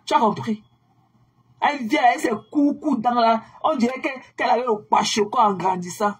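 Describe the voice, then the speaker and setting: An online commentator, a woman with a higher-than-average, slightly rough voice at normal speed, rants insultingly at a rival. She mocks and scorns, repeating her insults and drawling words out to sneer.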